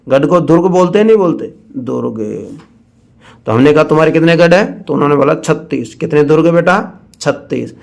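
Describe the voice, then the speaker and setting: A male teacher, giving a mnemonic lesson and asking students questions, then slowly drawing out the answers himself. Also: on the high side. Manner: call-and-response questioning, drawn-out repeated answers.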